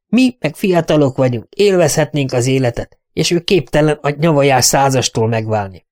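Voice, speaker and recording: A man's voice: mid-range voice, no room sound, studio quality, pitched above the performer's own voice, close to an everyday voice. A male audiobook narrator voicing a cynical young man who talks bluntly and mockingly.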